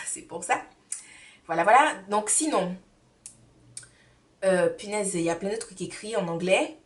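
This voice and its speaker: A woman's voice: on the low side, distant mic. A woman beauty vlogger reviewing products in a casual, rambling chat full of hesitations and fillers.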